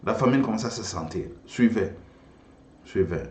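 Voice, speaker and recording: A man's voice: on the low side, expressive, moderate pace, darkish tone. A man hosting political commentary, talking emphatically and addressing his viewers directly. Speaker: host commentator. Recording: roomy echo.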